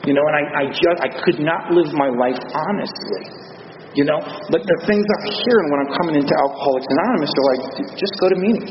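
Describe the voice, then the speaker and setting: A man's voice: fairly high pitch, creaky. A man giving a candid, rambling personal testimony at a recovery meeting, stammering and laughing often, his voice rising sharply when worked up. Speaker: speaker sharing his recovery story. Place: meeting room. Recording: roomy hall, dull lo-fi sound, noisy.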